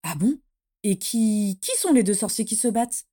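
A woman's voice: medium pitch, animated, normal speed, dark tone, natural voice. A woman voicing a refined young witch in a fantasy audiobook, tense and uneasy, snapping when pushed. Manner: tense, pleading, then roaring in anger. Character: refined young witch, proud but frightened.

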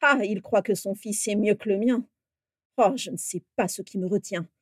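A woman voicing a bitter aristocratic wizard who speaks low and quietly, with menace. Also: moderate pace, no echo, studio quality, lightly acted. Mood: muttering.

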